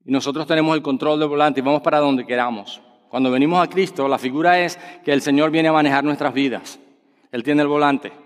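Man preaching in a reverberant hall. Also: on the high side. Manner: explains with everyday examples, measured emphatic delivery. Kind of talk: sermon. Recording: long reverb of a large hall.

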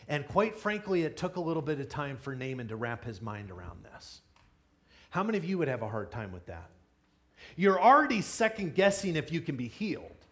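A man giving a lively children's sermon, asking the kids questions and joking with them. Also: a little high. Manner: energetic, playful, asks the kids questions. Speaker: children's pastor. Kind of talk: kids' sermon with audience interaction.

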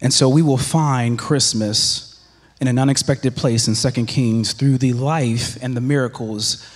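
Joking pastor in a reverberant church. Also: male voice, mid-range voice, steady tone, unhurried. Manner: humorous, conversational preaching. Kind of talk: Christmas Eve sermon. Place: church sanctuary.

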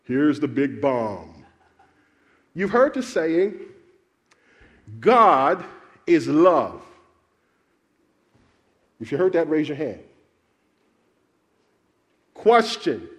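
A man's voice: a little high, slow, pauses often. A man preaching a sermon, asking his congregation questions and calling for answers. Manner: animated, calls out questions to the congregation.

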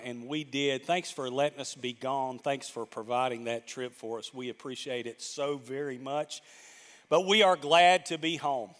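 A man's voice: mid-range voice, fairly bright tone. Folksy pastor in his fifties, reverberant hall. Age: 50s. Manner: folksy and self-deprecating, jokes with the congregation. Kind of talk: conversational sermon. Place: church sanctuary.

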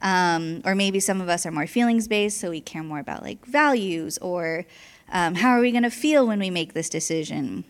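A woman's voice: on the low side, normal speed. Breathless young woman giving a casual talk. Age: young adult. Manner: informal, with frequent "like" and "right?" check-ins. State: slightly out of breath from speaking while pregnant. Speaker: church speaker. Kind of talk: casual conversational sermon.

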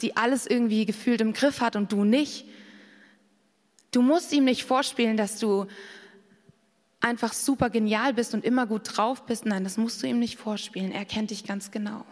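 Woman preaching candidly in a reverberant hall. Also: medium pitch. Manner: candid, self-revealing, acts out quoted voices. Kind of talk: sermon.

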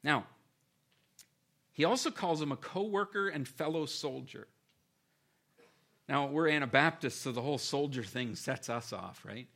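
A man preaching a sermon as pastor, with animated emphasis that keeps dropping to quiet, earnest stretches. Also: on the high side, unhurried, gravelly, pauses often.

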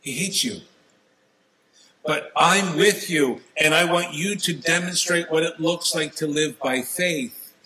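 A man preaching a sermon in a church, talking to the congregation in a conversational way, with sudden emphatic rises and soft, quiet drops. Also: fairly high pitch, a little hiss or hum, rough recording.

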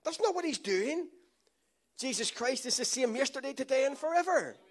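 A man's voice: extremely high pitch, animated, normal speed. A man preaching a sermon with emphatic, repetitive phrasing and calls to the congregation. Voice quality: emphatic preaching with repeated phrases and call-and-response. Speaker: pastor.

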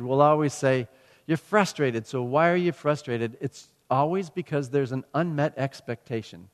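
Middle-aged male pastor, sermon, chatty storyteller, hall reverb. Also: on the high side. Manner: conversational storytelling with quoted asides.

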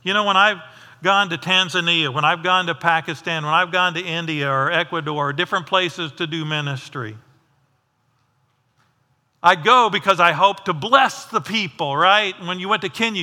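A man's voice: sits high, bright, forceful tone, big-room sound. A man preaching a conversational sermon, often asking his congregation questions. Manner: conversational, asks the audience questions. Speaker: pastor.

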